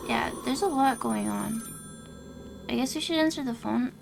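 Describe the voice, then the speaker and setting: Young woman streamer, high voice, gravelly fry, chatty, hoarse, noisy mic. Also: normal speed. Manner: chatty, reacting aloud and thanking chat. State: losing her voice. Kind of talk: casual game streaming chat.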